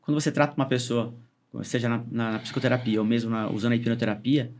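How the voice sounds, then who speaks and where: A man's voice: medium pitch, flat delivery, fast, darkish tone, slight background noise. A man who is a hypnotist, a guest on a podcast, explaining things in a casual, chatty way and often restarting sentences.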